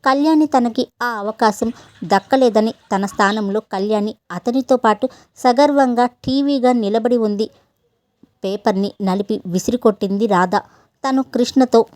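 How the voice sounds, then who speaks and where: A woman storyteller giving a steady, expressive scripted narration of a story. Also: fairly high pitch, dry recording.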